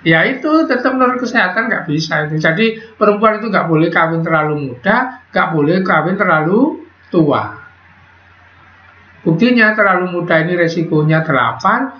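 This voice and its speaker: A man teaching a biology class in a chatty lecture style, quizzing students and joking as he explains. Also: high-pitched. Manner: chatty, asks students questions, jokes. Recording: echoey room, dull lo-fi sound.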